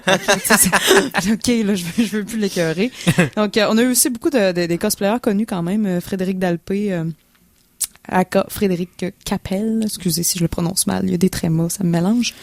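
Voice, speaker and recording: A woman's voice: mid-range voice, a little fast, no room sound. A young woman with a Quebec French accent, chatting as a guest on a radio show, full of fillers and restarts. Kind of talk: casual radio chat.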